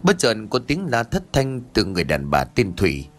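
A man's voice: lowish voice, wildly swooping pitch, normal speed, slight background noise. A man narrating a ghost story in a formal, dramatic storytelling manner. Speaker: audiobook narrator.

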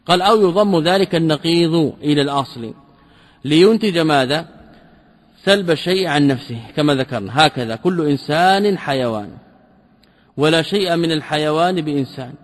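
Male teacher, slightly high voice, commentary lesson on a text, quizzing listeners, long hall reverb. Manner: reads a passage, then explains it with rhetorical questions; repeats key terms slowly for emphasis. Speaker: teacher explaining a classical logic text.

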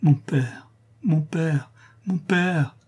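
A man's voice: medium pitch, moderate pace, warm tone, slightly rough, lightly acted. A man voicing a desperate young woman in an audiobook, crying out in anguish. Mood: grieving. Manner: pleading, anguished cries. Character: desperate young woman, daughter of a ruined artisan. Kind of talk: audiobook character reading.

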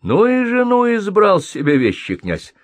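A man's voice: high voice, wildly swooping pitch, measured pace, no echo, pitched above the performer's own voice, heavily acted. A man voicing a stern old male sage who scolds and grumbles, in an audiobook reading. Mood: scolding.

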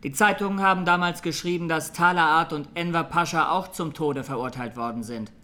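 Pitched on the high side and sharp in tone, a male actor voices a young Armenian defendant in a radio courtroom play, plain-spoken and haunted as he delivers measured testimony. The mood is sober.

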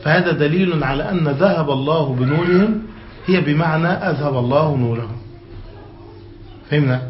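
A man's voice: a little high, fairly quick. A man teaching an Arabic grammar lesson, reading passages aloud and explaining them, often checking that his students follow. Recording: echoey, dull lo-fi room recording with faint hiss.

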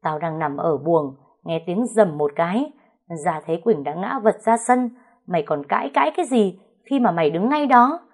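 A man's voice: sits high, expressive, moderate pace. A woman voicing an angry young master of the house who hisses accusations. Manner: hissing, accusing.

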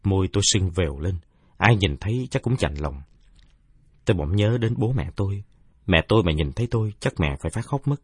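A man narrating an audiobook in a measured, reflective first-person telling. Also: deep voice, expressive, darkish tone, husky, no room sound, studio quality.

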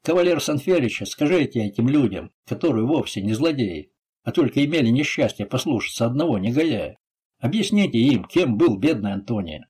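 A man reading an audiobook voices a bold, fierce captain who talks forcefully and threateningly. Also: medium pitch, sing-song, a little fast, slightly rough.

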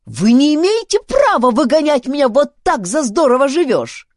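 A woman's voice: medium pitch, huge pitch swings, a little slow, darkish tone, slightly rough, dry recording, clean studio sound, pitched above the performer's own voice, heavily acted. A woman voicing a stubborn man who protests and argues with raised voice. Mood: protesting. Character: stubborn determined man, adventurer.

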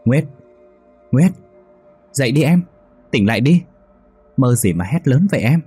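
A man with a deep, warm, husky voice playing a gentle young husband who soothes his wife. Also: animated, a little slow, soft background music. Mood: urgent.

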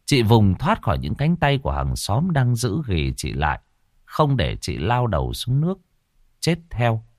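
A man narrating a horror audiobook in a dramatic, expressive storytelling manner. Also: fairly low pitch, unhurried, no room sound, studio quality. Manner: expressive, rising and falling storytelling.

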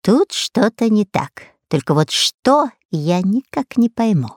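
A woman's voice: medium pitch, big pitch swings, slow pace, a little mellow, dry recording, clean studio sound, voice pushed up. A woman voicing a cowardly, long-nosed male spy in an audiobook, who stutters and whimpers with fear. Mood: suspicious. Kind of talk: audiobook character voice.

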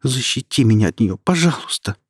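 A brash young woman rival who sneers, then wheedles when it suits her, as a man reading the story puts her on. The voice sits well above his own, with a husky grain. The sound is dry and close. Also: mid-range voice, expressive, fairly quick, no room sound, voice pushed up. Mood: pleading. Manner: mocking, then pleading. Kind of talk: audiobook reading.

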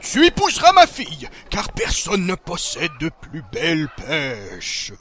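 A man voicing a hot-tempered, greedy old king in a storybook reading, shouting and blustering. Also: medium pitch, big pitch swings, slow, full character voice. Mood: pleased.

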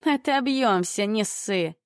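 A woman doing a shrill, mocking teenage girl. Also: expressive, slow pace, clear, resonant tone, no echo, studio quality. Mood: scoffing. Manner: squealing, slangy.

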